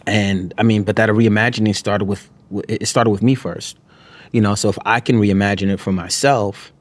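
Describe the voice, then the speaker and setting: Speaking at a fairly low pitch with fairly even intonation, the New York poet and author reflects on things during an interview. He stops and restarts frequently, filling in with "you know what I'm saying."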